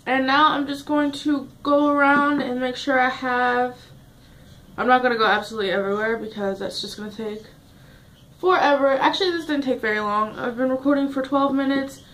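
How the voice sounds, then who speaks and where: Young woman vlogger, high pitch, rambling casual chat at a table at home. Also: steady tone, fairly quick, a bit bright. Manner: rambling, chatty, restarts often.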